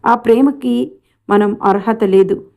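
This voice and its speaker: A woman's voice: fairly high pitch, slow pace, mellow. A woman voicing a grieving middle-aged mother who was left by her husband, speaking in a sorrowful, resigned way.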